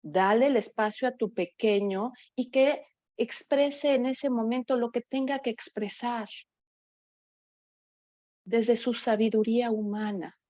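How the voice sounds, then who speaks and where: A woman's voice: fairly high pitch, unhurried, dark tone, no room sound. A woman giving a workshop talk on grief, conversational, with frequent fillers and tag questions. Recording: dull, dry sound.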